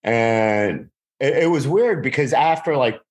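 A man's voice: medium pitch, expressive, unhurried. A man in his forties, a podcast guest, talking casually with lots of restarts and repeated words. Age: 40s. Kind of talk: casual conversation.

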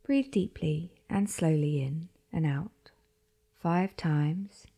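Soft, gravelly-voiced woman guiding meditation. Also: deep voice. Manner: slow, soft-spoken, often half-whispered. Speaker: meditation guide. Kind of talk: guided meditation.

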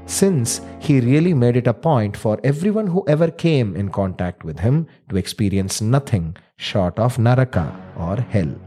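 Storytelling host: male, South Indian accent, mellow tone, Indian English phrasing, light music underneath. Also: lowish voice, breathy edge. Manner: uses Tamil words and Indian English phrasing. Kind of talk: scripted storytelling and playful family dialogue.

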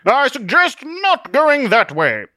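A woman's voice: high voice, wildly swooping pitch, slow, pushed and bright, no echo, studio quality, heavily acted. A woman voicing a stern, blunt zealot warrior who speaks stiffly and formally.

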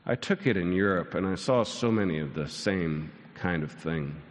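A man in his sixties preaches at normal speed in a low, expressive voice, with a little hiss or hum in the recording. The pastor's sermon features stories laced with dry self-mocking humor that build to soaring lines, echoing with long reverb in a large church sanctuary.

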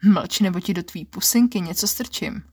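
A woman's voice: mid-range voice, breathy edge, dry recording, clean studio sound, natural voice. A woman voicing a harsh, domineering man. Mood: commanding. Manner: commanding, harsh. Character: domineering adult man, rough ex-lover.

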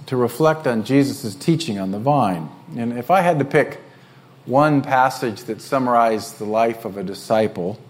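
A man pastor giving a conversational sermon to his congregation, teaching with frequent fillers and gentle asides. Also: medium pitch.

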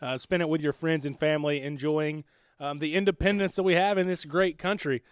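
A man's voice: a little high, fairly even intonation, brisk, clean tone, no room sound. Chatty male podcast host, clean resonant voice, close dry mic. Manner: upbeat, chatty, laughs easily. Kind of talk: casual podcast chat. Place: studio.

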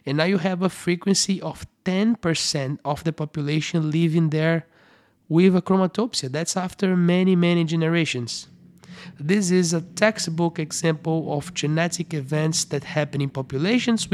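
This podcast host, a doctor, walks listeners through eye studies in easy, approachable terms, tagging many points with "right?". His male voice runs a little high.

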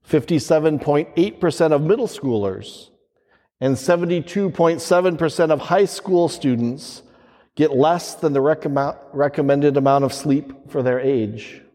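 A man speaking as a priest in solemn, measured liturgical reading and preaching, his voice ringing with cathedral echo. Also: on the high side, mellow. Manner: solemn, measured delivery with deliberate pauses. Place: large reverberant church. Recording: long cathedral echo, reverberant church hall.

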